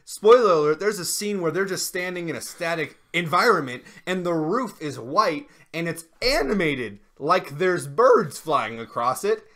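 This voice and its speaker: A tipsy man in his thirties rants through a film review with plenty of swearing. His voice is a little high and forceful, picked up by a desk microphone in a small room. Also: normal speed, hardly any pauses. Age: 30s. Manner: foul-mouthed, animated ranting. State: tipsy from drinking. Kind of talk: casual comedic movie review chat.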